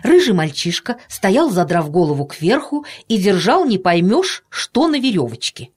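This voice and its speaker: A woman narrating a children's story in an expressive, playful way. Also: mid-range voice, moderate pace, breathy edge. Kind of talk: storybook reading.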